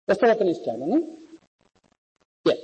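A man's voice: high voice, sing-song, normal speed, mellow, breathy edge. A man with a Spanish accent from Spain lecturing conversationally in an echoing classroom, often checking that students follow. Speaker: university lecturer. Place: large echoey classroom. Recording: echoey classroom, long reverb, dull sound.

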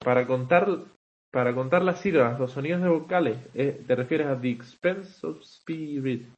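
A man's voice: medium pitch, moderate pace, dull audio. A man teaching English poetic meter in an online class, talking conversationally and checking in with frequent rhetorical "vale", with some hesitant restarts.

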